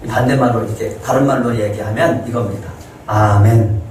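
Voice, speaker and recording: A man's voice: medium pitch, animated, a little fast. A male pastor preaching a Sunday sermon, telling a scripture story and acting out the lines of its characters with rising emphasis. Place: church sanctuary. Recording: echoey room, heard from a distance, faint noise.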